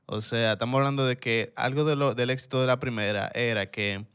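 Clear-voiced Dominican man hosting a podcast. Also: medium pitch, steady tone, fairly quick, a bit bright. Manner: colloquial, slangy, with English loanwords. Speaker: podcast host. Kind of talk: casual film podcast chat.

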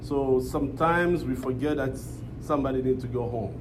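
A man's voice: medium pitch, normal speed. Congolese-accented male preacher, noisy live recording. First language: not English. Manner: repeats phrases, calls for amens. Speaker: visiting pastor. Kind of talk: church preaching and prayer with call-and-response. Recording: noisy live church room.

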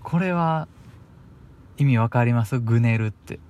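A man's voice: medium pitch, unhurried, darkish tone, muffled recording. A young man with a Kansai accent talks by himself on a radio show. He rambles loosely and sounds a little bashful, with small chuckles between his thoughts. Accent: Kansai Japanese. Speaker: radio host. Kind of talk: casual solo radio talk.

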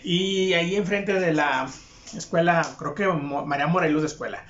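A man's voice: fairly high pitch, normal speed, fairly bright tone, slight background noise. A young man with a Mexican accent telling a crude personal anecdote in casual, profane, mocking talk. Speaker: storyteller. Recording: echoey room, dull lo-fi sound.

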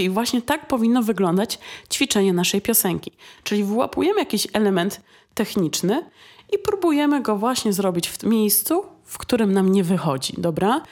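A woman's voice: medium pitch, darkish tone. Woman vocal coach, casual video lesson, chatty, checks in with the listener often. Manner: chatty, checks in with tag questions; acts out students and sings short demonstrations.

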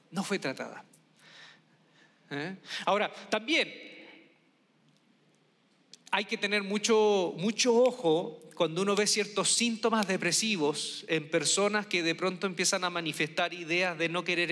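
A man's voice: sits high, bright, forceful tone. A man from Chile giving a lecture-style talk, telling stories and repeating key points for emphasis. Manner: storytelling, emphatic repetitions. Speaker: speaker. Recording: long hall reverb.

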